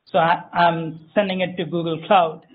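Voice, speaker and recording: High-voiced man demoing software, tinny audio. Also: flat delivery, normal speed. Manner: explanatory, many fillers and self-corrections. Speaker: tech speaker giving a software demo. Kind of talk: live conference demo walkthrough. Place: meetup room, small audience. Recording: tinny phone-like room audio.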